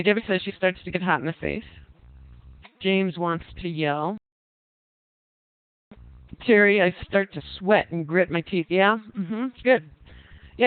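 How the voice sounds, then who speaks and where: A man runs a parenting class, speaking loosely with plenty of ums as he reads out the group's answers. His voice sits high and sounds smooth. It comes through a thin, phone-like line with no room sound. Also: no echo. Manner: reads out participants' answers and asks the group questions; relaxed, conversational, frequent ums. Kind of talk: online class lecture. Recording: tinny phone-like line, dry.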